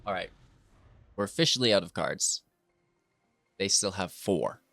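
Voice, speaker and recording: A man's voice: low voice, lively intonation, a little slow, creaky, a bit bright, no echo, faint music behind. A man giving casual, playful commentary over his own card game, teasing his opponent as he plays. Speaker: gaming video host.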